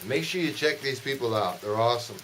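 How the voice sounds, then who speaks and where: A male vlogger hosts a casual chat outdoors, sheltering in a dry spot from the rain, joking and swearing coarsely. His mid-range voice runs a little fast. The low-quality recording is hissy, with steady rain falling throughout.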